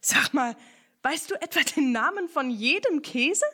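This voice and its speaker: A woman voicing an excitable young male mouse, loud and blunt. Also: mid-range voice, brisk, breathy edge. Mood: excited.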